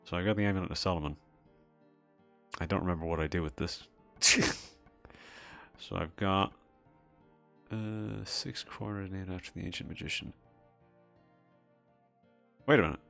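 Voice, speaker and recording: Low-voiced man, gravelly texture, relaxed let's-play chatter, faint game music behind. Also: normal speed, long pauses. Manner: laid-back, chuckles often, swears casually. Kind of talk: casual gameplay commentary.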